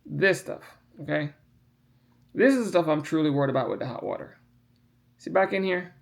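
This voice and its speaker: A hobbyist with a slightly high, creaky voice talks at a moderate pace with lively intonation while handling a printer part. Yawning from medication, he rambles through this casual hands-on repair demo, repeating himself and emphasizing the key points.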